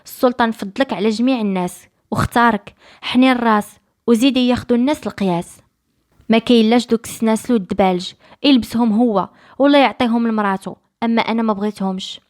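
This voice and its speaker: A woman's voice: on the high side, fast talker, darkish tone, close to an everyday voice. A woman with a Moroccan accent voicing a bossy servant of the sultan who gives curt orders. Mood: commanding.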